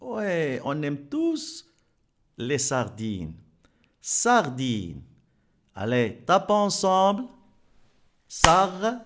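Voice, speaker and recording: A man's voice: fairly high pitch, wildly swooping pitch, very slow, pauses often. A man teaching French to young children, patiently repeating words and clapping out their syllables. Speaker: primary school French teacher.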